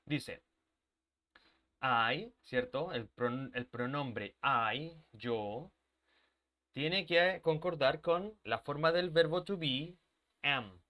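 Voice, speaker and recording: Stretching out his words, a man with a fairly high, sharp voice runs an online English grammar class. He walks through each step, checks in with his students often, and at times drifts from the mic as he heads to the board.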